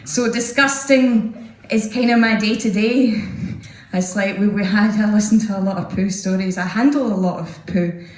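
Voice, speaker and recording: A woman's voice: medium pitch, moderate pace, a little mellow. A Scottish woman doing a live stand-up set, telling chatty, self-mocking stories into a stage mic. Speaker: stand-up comedian. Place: small bar stage, indoors. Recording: echoey live venue.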